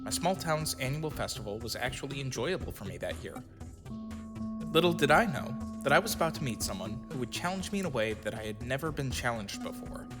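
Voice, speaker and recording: A man with a mid-range, sing-song voice speaks fairly quickly, close to an everyday voice, over background music. In an audio drama telling his own story, he narrates as a reflective storyteller and acts out his shy, self-conscious younger self.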